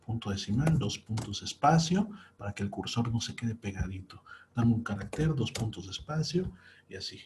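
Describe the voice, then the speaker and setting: A man's voice: on the low side, lively intonation, moderate pace, a little mellow, a little hiss or hum. A young man, patiently talking through a screen-recorded coding lesson step by step. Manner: patient, walks through each step aloud. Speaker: programming teacher.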